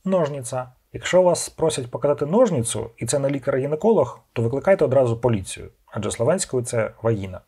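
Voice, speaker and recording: A man's voice: mid-range voice, animated, fast talker, few pauses, mellow, breathy edge. A man narrating a scripted vocabulary lesson, reading each word and then its meaning in short paired phrases. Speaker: language channel host.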